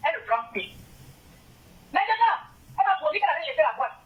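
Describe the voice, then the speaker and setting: A woman's voice: very high-pitched, big pitch swings, fast, far from the mic. A woman, a guest telling her story casually, acting out quoted dialogue and repeating herself a lot. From Cameroon. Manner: retells events by acting out quoted dialogue, with many repetitions. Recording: dull lo-fi sound from off the mic.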